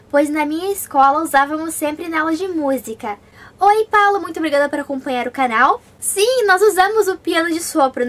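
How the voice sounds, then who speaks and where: A young Brazilian woman hosts a casual Q&A vlog in a very high, light and somewhat bright voice. Chatting away, she reads viewer comments aloud and answers each in turn.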